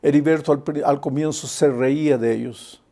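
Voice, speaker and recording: A man's voice: a little high, steady tone, moderate pace, mellow. An older male preacher delivering an earnest evangelistic sermon, speaking directly to the listener. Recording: faint music underneath.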